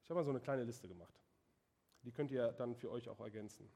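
A man's voice: mid-range voice, brisk, dark tone, slightly rough. A man preaching a sermon, emphatic and asking the congregation direct questions.

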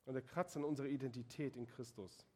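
A man's voice: medium pitch, steady tone, fast, a little mellow, slightly rough. A man preaching a sermon, emphatic and asking the congregation direct questions.

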